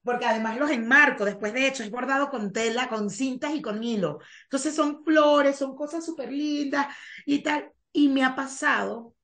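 High-voiced woman guest on a podcast, chatty and animated, casual interview talk. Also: moderate pace. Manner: animated, chatty, trails off into soft asides.

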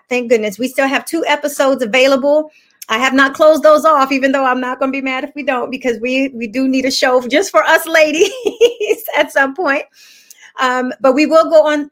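Woman podcast host, somewhat high voice, chatty, restarts her phrases, on a video call. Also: fairly bright tone. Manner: chatty, repeats words while thinking. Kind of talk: live podcast chat.

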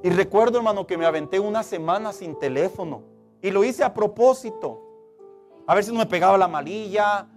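A man's voice: high voice, a little fast, faint music behind. A man, preaching a sermon as pastor with emphatic, stressed phrases.

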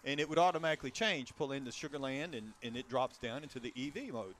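A man's voice: mid-range voice, fast, fairly bright tone, a little hiss or hum. A man hosting a casual car talk show, chatting in a rambling way with restarts about a vehicle he drove.

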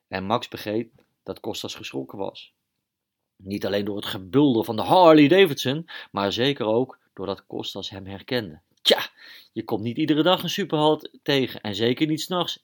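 A man tells a children's story in a lively, animated way. He pauses and repeats words as he goes. His voice is mid-pitched and ordinary.

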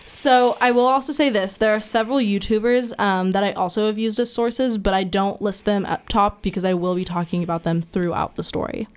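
A woman's voice: medium pitch, steady tone, fairly quick, few pauses, clean tone. Chatty young woman hosting a podcast. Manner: chatty, lots of "like" fillers. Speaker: podcast host. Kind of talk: casual chat.

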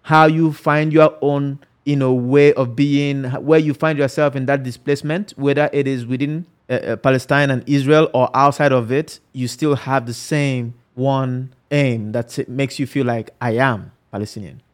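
A man's voice: mid-range voice, fairly even intonation, normal speed, few pauses, smooth. A man interviewing a guest, engaged and conversational, retelling an anecdote and posing long reflective questions. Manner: engaged, relays anecdotes, frequent listening murmurs.

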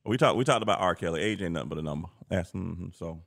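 A man's voice: deep voice, fast, gravelly, a crowd in the background. A man co-hosting a casual podcast chat, asking questions and teasing the others with jokes. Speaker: co-host.

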